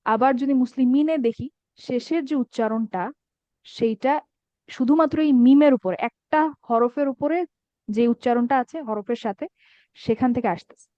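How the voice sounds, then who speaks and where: A woman's voice: high-pitched, normal speed, no echo. A woman teaching an online Arabic grammar class, patiently checking that students follow. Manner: patient, checks understanding often. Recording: dull dry lo-fi sound.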